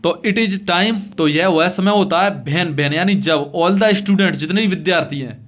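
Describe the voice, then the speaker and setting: Explaining English in Hindi to a class, this high-voiced, slightly bright teacher with a north-central Indian accent goes through phrases deliberately, translating bit by bit. He repeats lines often and answers his own questions.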